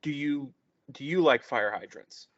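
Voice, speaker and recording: An expressive, unhurried man with a medium-pitched, slightly bright voice reads the part of a sheltered, naive young man at a play's table read. He comes across as earnest and wide-eyed, hesitating and stammering. The audio is echoey, muffled and lo-fi.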